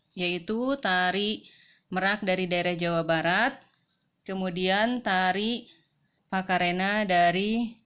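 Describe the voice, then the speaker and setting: A woman teacher calmly explaining an online lesson, speaking slowly and carefully with frequent pauses and fillers. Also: fairly low pitch, smooth. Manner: slow, careful, apologetic with fillers. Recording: dull lo-fi recording.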